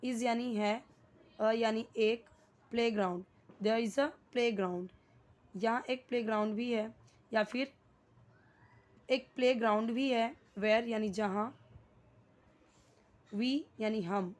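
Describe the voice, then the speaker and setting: A young woman with an Indian English accent, teaching an English grammar lesson. She explains slowly, asks the class questions and repeats key words. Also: fairly high pitch, steady tone.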